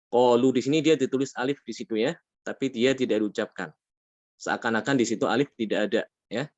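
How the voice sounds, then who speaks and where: A man teaching a tajweed class, patient, asking his students questions and drawing out Arabic words slowly. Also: fairly low pitch, a little mellow, no echo, muffled recording. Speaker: Quran recitation teacher. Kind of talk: tajweed lesson.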